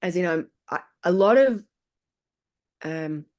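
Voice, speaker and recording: A middle-aged woman appears as a podcast guest and tells her story casually and with energy, laughing often. Her voice is lowish and she speaks slowly.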